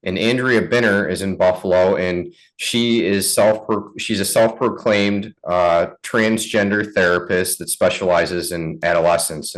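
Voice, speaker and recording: A father giving an interview, recounting events in a measured, earnest way. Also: deep voice, fairly bright tone, rough recording. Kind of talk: interview answers.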